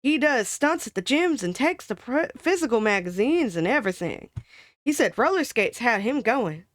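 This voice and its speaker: A woman's voice: a little high, sing-song, moderate pace, no echo, clean studio sound. A woman doing a gabby old-timey shopgirl. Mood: gossipy. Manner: gabby, colloquial, exaggerated storytelling. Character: chatty working-class young woman, comic, dramatic. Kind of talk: old-timey comic monologue reading.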